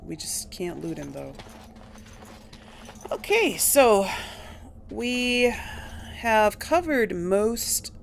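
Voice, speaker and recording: A woman with a medium-pitched, creaky voice hosts a video game playthrough series, musing to herself and thinking aloud as she plays. Her commentary is casual, and there's slight background noise.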